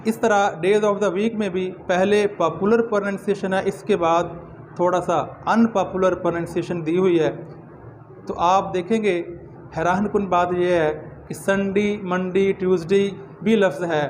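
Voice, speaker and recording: A high-voiced man gives an earnest pronunciation lesson and says each word slowly, again and again, as a model. Steady background noise sits under his voice throughout. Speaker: English pronunciation teacher. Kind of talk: spoken lesson to camera. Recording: noisy background ambience.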